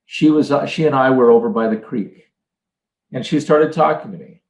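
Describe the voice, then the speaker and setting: Older man, mid-pitched voice, earnest coach, echoey room. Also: normal speed, darkish tone. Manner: earnest, storytelling with acted quotes. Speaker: leadership trainer. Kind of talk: motivational talk.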